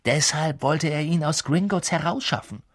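A man puts on a clever, bossy young girl in a storybook. Her voice sits high and hurries along with eager excitement. The tone is slightly husky and close. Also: normal speed, no echo. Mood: explaining. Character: eager know-it-all schoolgirl.

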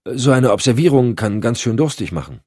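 A man's voice: medium pitch, animated, a little fast, darkish tone, husky, no echo, studio quality, pitched above the performer's own voice. A man voicing a nervous young male junior agent who stammers anxiously.

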